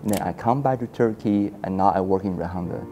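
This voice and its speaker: In a casual interview, an architecture historian from Taiwan in his forties tells his story, acting out quoted dialogue and laughing often. His voice is deep and warm, he speaks briskly, and there is a little hiss or hum.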